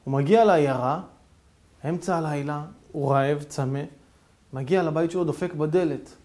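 A male rabbi giving a sermon, telling a story dramatically with sudden swings between hushed and loud. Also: on the high side. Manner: animated, theatrical storytelling with sudden swings in loudness.

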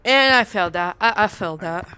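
A woman's voice: mid-range voice, expressive, brisk, sharp tone, smooth. A woman hosting her own gaming video, chatting playfully and mocking herself as she plays. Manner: playful, self-mocking, sings nonsense. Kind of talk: casual gaming commentary. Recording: game music in background.

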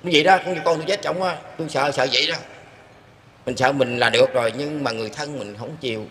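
A man's voice: mid-range voice, fast talker, fairly bright tone. Older man rambling earnestly, echoey room. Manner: earnest and rambling, often turning to address the listeners. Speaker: interviewee telling his own experience. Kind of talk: casual spoken storytelling. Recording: echoey room with long reverb and faint background noise.

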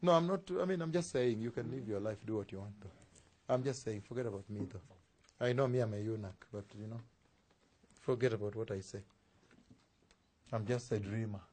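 A man preaching a sermon to a live congregation, with laughing asides and loud emphatic peaks. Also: lowish voice, a little fast, long pauses.

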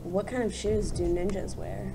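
A woman's voice: medium pitch, steady tone, moderate pace, vocal fry, low-quality recording. A young woman in casual, teasing banter, telling dad jokes in a small room. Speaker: soccer player in a joke challenge. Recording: loud music over the talk.

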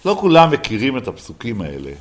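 A man's voice: mid-range voice, wildly swooping pitch. A rabbi giving a Bible lesson to a live class, who keeps asking his listeners questions and then answering them himself.

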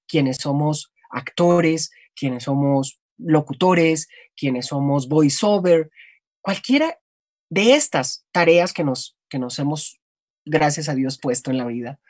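A woman from Colombia, a voice-over artist, explaining her craft in a reflective, animated conversational interview. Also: on the low side, husky, dry recording, clean studio sound.

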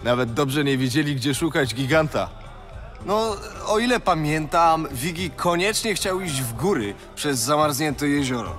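An actor playing a boisterous, chatty Norse tavern keeper in a video game, telling tales in colloquial speech. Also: male voice, a little high, unhurried. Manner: colloquial, animated storytelling. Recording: game music under the voice.

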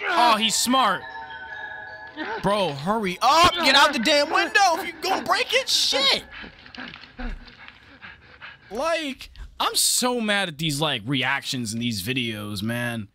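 A man's voice: high voice, sing-song, slow pace, pauses often. A young man hosting a reaction video in a gaming room on a headset, talking casually and exclaiming and swearing at jump scares.

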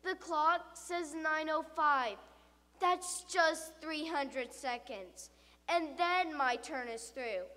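This is a rhyming comic monologue, performed by a woman in a full character voice: high, slow, and cast as a frightened pupil telling a tall tale. The delivery is dramatic and expressive, panicked and doomed, recorded in a hall with lots of reverb.

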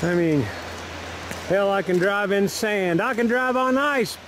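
A man's voice: sits high, measured pace, background noise. A man talking casually and joking as he films a walk by a river, recorded on a handheld camera outdoors. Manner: folksy, chatty and joking. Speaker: vlogger filming a walk. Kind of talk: casual walking vlog narration.

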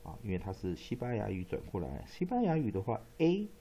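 Gravelly, animated male phonics teacher. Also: fairly low pitch. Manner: explanatory, repeats words slowly for emphasis. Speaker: English pronunciation teacher. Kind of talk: classroom-style phonics lesson.

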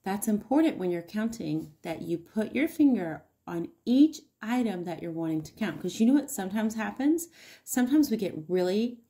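A woman teaching a counting lesson to young children, encouraging and sing-song, asking questions and pausing for answers. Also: mid-range voice, lively intonation, warm tone. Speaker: early-years teacher hosting an online circle time.

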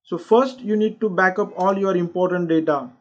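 Man, tech how-to narration, casual with fillers, fairly high pitch, dull recording. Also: normal speed. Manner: casual, explanatory, frequent fillers. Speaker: tech channel host. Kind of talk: tutorial walkthrough. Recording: dull lo-fi sound.

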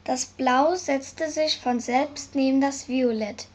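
Slow, husky woman reading a story. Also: sits high, steady tone. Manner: slow, careful reading aloud of a children's story. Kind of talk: scripted narration.

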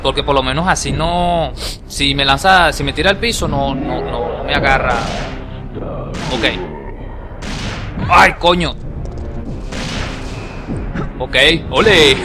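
A man giving let's play commentary on a game he is playing. He is excitable, swearing and yelping whenever the game attacks him. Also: medium pitch, unhurried. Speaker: gameplay commentator. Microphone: home voice recording over game capture. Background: game music.

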